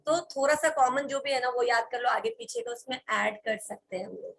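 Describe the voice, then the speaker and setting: A woman's voice: high voice, fairly quick, gravelly, fairly bright tone, rough recording. A woman teaching vocabulary to a class of students. She spells words out letter by letter and keeps checking that the class is following. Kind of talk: classroom lesson.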